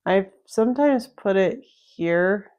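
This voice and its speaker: Woman, gameplay walkthrough commentator, clear voice, slow easygoing explaining. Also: mid-range voice, animated, darkish tone. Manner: unhurried, explanatory, thinking aloud. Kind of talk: casual game walkthrough commentary.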